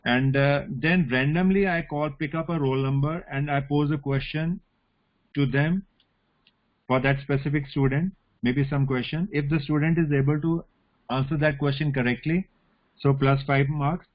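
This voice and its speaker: Over slightly dull online call audio, a male academic with a North Indian accent explains material in an informal lecture, regularly adding "right?" and "you know". His fairly high voice holds a steady tone at a moderate pace.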